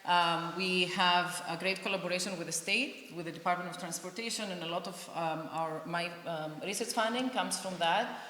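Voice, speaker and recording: A woman's voice: fairly low pitch, fairly even intonation, normal speed, few pauses, bright, forceful tone. A middle-aged woman from Greece giving a friendly conference talk as an engineering professor, with frequent ums. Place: event hall. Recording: echoey hall with faint hiss.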